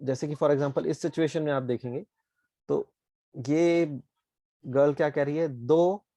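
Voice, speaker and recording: A man with an Indian accent, a Japanese teacher explaining words slowly and asking "ठीक है?" often. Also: on the high side, steady tone, dark tone, no echo. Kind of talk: online class explanation.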